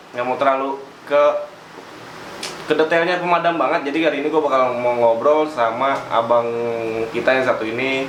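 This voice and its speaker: A man with a Jakarta-area Indonesian accent runs an easygoing interview. His voice sits at a middle pitch, and he banters in slang, repeating answers back. The room is echoey, with clear noise behind him. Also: fairly bright tone. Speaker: host. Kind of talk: casual chat interview.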